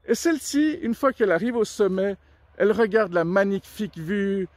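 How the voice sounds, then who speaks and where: This storyteller has a high, slightly mellow voice with lively intonation and a moderate pace, and the sound carries no echo. He wanders through casual jokes and short anecdotes, dropping in lots of filler noises along the way.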